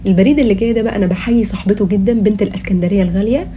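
A woman's voice: mid-range voice, very fast, very noisy. A woman with an Egyptian Arabic accent hosting a casual comedic podcast in a playful, mock-serious way. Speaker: podcast host.

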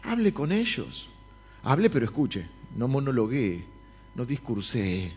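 A man's voice: mid-range voice, wildly swooping pitch, a little slow, a little mellow, husky, lo-fi sound. A man with a Rioplatense accent preaching a sermon, speaking directly to his congregation. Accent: Rioplatense Spanish. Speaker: pastor. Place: church service.

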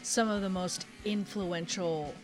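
A woman's voice: fairly low pitch, steady tone, measured pace. A woman co-hosting a podcast in casual music chat, loose and profane, full of fillers. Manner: casual, swears often, many fillers. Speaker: podcast co-host.

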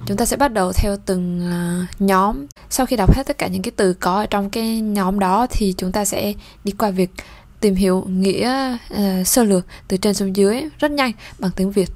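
A woman gives a bilingual language lesson with a voice of ordinary pitch for a woman. She pronounces each French word slowly and clearly, repeating it for learners. Between drills she explains in plain, steady talk. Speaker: French teacher.

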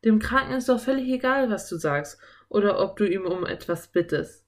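A woman's voice: mid-range voice, lively intonation, normal speed, close to an everyday voice. A woman reading a children's audiobook, voicing a nervous, bookish young boy who groans and grumbles with exasperation. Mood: anxious boy.

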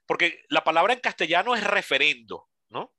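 A man's voice: fairly high pitch, animated, brisk, pushed and bright, no room sound. A man from Venezuela with a Venezuelan Spanish accent, explaining thoughtfully in casual talk, with restarts and self-corrections. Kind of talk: casual conversation about spelling.

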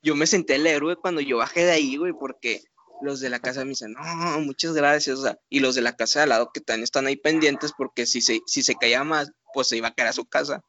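A man's voice: mid-range voice, quick pace, a little hiss or hum. A young man with a Mexican accent, casually telling a story, laughing often and using slang. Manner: laughing, animated retelling with slang. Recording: dull lo-fi sound.

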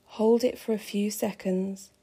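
A woman calmly guiding a pregnancy relaxation meditation with slow, soothing, measured phrasing. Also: mid-range voice, slightly rough. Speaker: meditation guide.

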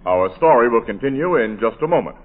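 A man's voice: medium pitch, lively intonation, brisk, loud music behind the voice. A man announcing in a polished, emphatic 1940s radio advertising style. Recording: tinny old radio recording.

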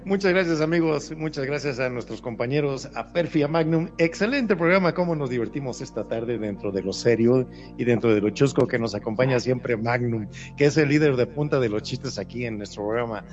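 A man's voice: medium pitch, brisk, hardly any pauses. A man hosting a casual radio chat in a jokey, repetitive manner. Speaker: radio show host. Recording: dull lo-fi online radio with music. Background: music.

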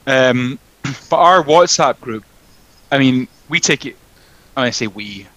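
A man co-hosting a podcast, chatting casually with a joking, animated manner. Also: medium pitch, no echo, poor audio. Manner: joking, animated, quick asides. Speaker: podcast co-host. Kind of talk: casual chat.

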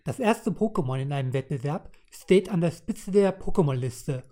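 A man's voice: on the high side, animated, moderate pace, dark tone, pitched above the performer's own voice, close to an everyday voice. A man voicing an eager young man giving tips in a read-aloud story. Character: helpful young man with glasses.

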